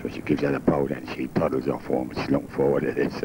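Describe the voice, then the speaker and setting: An older man, a traditional singer, telling an old joke in a brisk, rambling way. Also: monotone, creaky. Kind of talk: old music-hall songs and a told joke. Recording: dull lo-fi archive tape with faint rumble.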